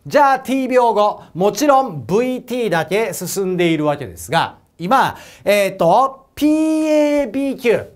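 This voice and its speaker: A man with an Osaka accent gives a physics exam lecture in a chatty, joking way. His voice moves lively up and down as he asks viewers questions and laughs at his own asides. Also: high voice, normal speed, few pauses. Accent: Osaka Japanese. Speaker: prep school physics teacher. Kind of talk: whiteboard lecture to camera.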